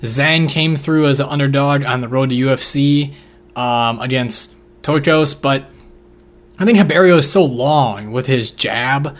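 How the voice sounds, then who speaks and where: A laid-back man talking through fight picks in casual conversation. His voice sits at an everyday middle pitch. He rambles along with slang and fillers. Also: unhurried. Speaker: podcast co-host making fight picks. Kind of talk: casual chat.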